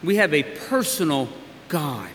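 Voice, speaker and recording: A man preaches with an earnest, emphatic delivery, letting phrases hang in slow, drawn-out pauses. His voice sits a little high for a man. The sound rings with long reverb in a large room, over a faint hiss. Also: sing-song, a bit bright. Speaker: pastor. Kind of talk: sermon.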